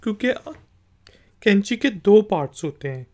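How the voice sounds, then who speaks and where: A language teacher from Pakistan gives a patient lesson, spelling each word letter by letter and repeating it. The voice sits at medium pitch with lively intonation, a moderate pace and a darkish tone.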